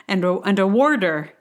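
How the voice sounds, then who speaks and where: A woman from theater giving wry, amused commentary in a casual vlog, with an expressive delivery. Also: medium pitch.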